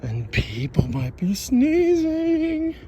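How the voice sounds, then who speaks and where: Slow rambly playful voice, walking outside and talking into a phone, bit of outdoor hum behind. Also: high voice, wildly swooping pitch, mellow. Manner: chatty, playful, rambling, sings little ditties. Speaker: vlogger on a walk. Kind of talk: casual walking commentary. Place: outdoors, walking around town.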